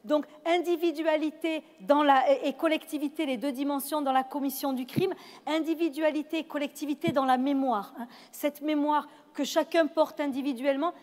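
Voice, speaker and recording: High-voiced woman moderating in a hall. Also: darkish tone. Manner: measured, reflective, with hesitant restarts. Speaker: panel moderator. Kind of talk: moderating a panel discussion. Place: event hall. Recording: long reverb of a hall.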